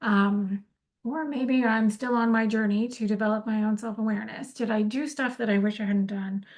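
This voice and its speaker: A woman's voice: on the high side, steady tone, normal speed, darkish tone. A woman giving an informal instructional talk on workplace conflict, conversational, with many fillers and restarts. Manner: acts out sample apologies in quoted speech.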